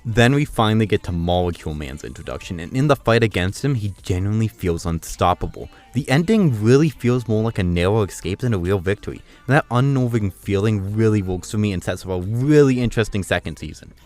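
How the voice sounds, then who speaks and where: A man reviewing cartoon episodes in a casual video, talking fast and loud with excitement. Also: fairly low pitch, faint music behind.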